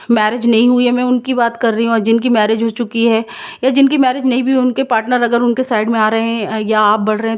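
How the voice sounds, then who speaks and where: A woman doing a casual, reassuring tarot reading for viewers, repeating herself and mixing in English words. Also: on the high side. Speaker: tarot card reader.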